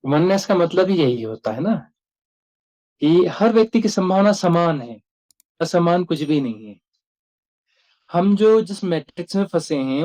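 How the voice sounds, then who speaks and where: A high-pitched man speaks as a spiritual teacher. He gives a reflective discourse and circles back over his phrases to stress them. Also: darkish tone. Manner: reflective, repeats phrases for emphasis.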